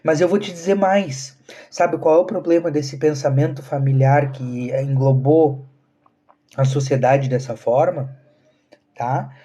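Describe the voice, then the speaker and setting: A man in his 30s from southern Brazil hosts a spiritual channel, speaking earnestly to live stream viewers and posing rhetorical questions. His fairly high voice is mellow with a breathy edge, and he talks a little slowly.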